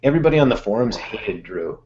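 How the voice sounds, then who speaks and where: A man telling relaxed anecdotes in casual panel chat. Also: lowish voice, quick pace, muffled recording.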